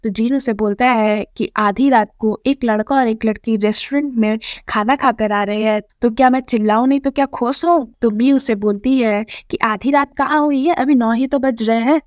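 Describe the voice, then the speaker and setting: A woman narrating a drama recap in a brisk, matter-of-fact storytelling manner. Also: fairly high pitch, a little mellow, no echo, studio quality.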